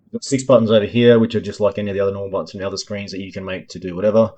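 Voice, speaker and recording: A man demonstrating his own app in a screen-recording tutorial, explaining each control in an unhurried way, with lots of ums and uhs as he thinks aloud. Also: on the low side, fairly even intonation, mellow, highs cut off. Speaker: developer demoing his app.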